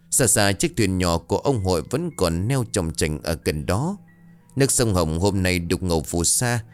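A man narrating a scripted ghost story in a steady storytelling way. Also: fairly low pitch. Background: faint music.

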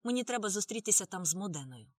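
A soft-spoken young woman, read by a female narrator, drawls her lines slowly and gently. The recording is close and dry. An audiobook character. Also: medium pitch, big pitch swings, dry recording. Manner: slow, soft.

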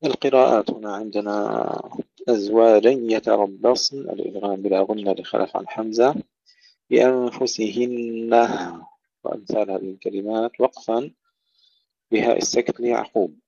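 A man teaching tajweed. He recites words slowly and carefully, then explains each rule in a plain voice. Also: on the low side, fairly even intonation, vocal fry, mellow, dry recording. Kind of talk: tajweed lesson with slow demonstrative recitation. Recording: dull, dry close recording.

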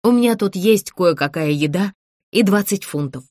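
A woman's voice: medium pitch, lively intonation, normal speed, darkish tone, dry recording, clean studio sound, pitched above the performer's own voice, close to an everyday voice. A woman voicing a young heroine who speaks earnestly and coaxingly in a thriller audiobook. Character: brave young woman, tense but kind.

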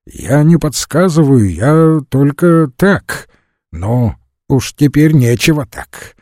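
A man reading an audiobook voices an eager, fussy young gentleman who pleads effusively with his guests. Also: a little high, animated, takes it slowly, no room sound, clean studio sound, pitched above the performer's own voice. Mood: pleading.

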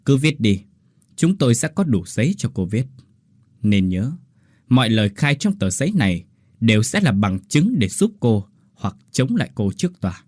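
A man voicing a calm uniformed interrogator. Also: medium pitch, moderate pace, no echo, clean studio sound. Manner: calm, formal.

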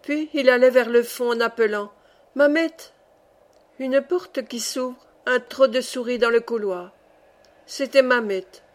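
A woman reading a classic story aloud in a calm, measured narration. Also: fairly high pitch. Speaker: audiobook reader. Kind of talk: scripted narration.

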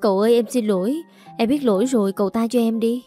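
A young housemaid who shifts between sulky rudeness and stammering pleas, read by a woman narrator. The voice stays mellow, with soft music underneath. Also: fairly high pitch, quick pace, lightly acted. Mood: pleading. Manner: sulky, then stammering and pleading. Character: rude young female housemaid.

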